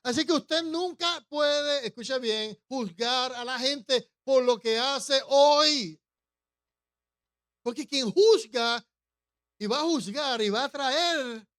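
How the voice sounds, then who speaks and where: A man's voice: very high voice, fairly bright tone, dry recording, clean studio sound. A male pastor preaching a humorous sermon, often putting questions to the congregation.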